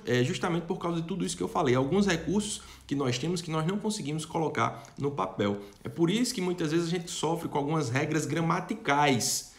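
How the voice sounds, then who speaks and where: A young man gives a lesson in a somewhat high voice. He keeps asking the class questions and then answering them himself, and he checks in with his listeners again and again. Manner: addresses students directly and checks in often. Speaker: teacher. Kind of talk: online lesson.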